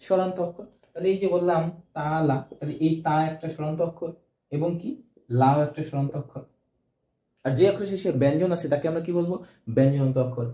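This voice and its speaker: A man's voice: on the high side, fast, long pauses, warm tone. A male teacher giving an exam-prep grammar lesson, asking questions and answering them himself. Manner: quizzing, answers own questions. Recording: echoey room.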